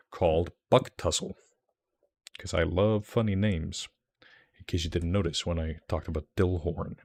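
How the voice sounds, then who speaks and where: He's a young man from Iceland chatting in English, his second language, on a laid-back livestream. The voice is very low, and he rambles in a warm way with fillers and restarts, excited by what he's showing.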